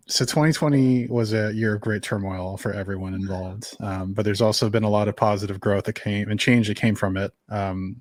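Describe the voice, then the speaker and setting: Low-voiced male podcast host. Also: no room sound. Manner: relaxed, asks long framed questions. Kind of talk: casual interview.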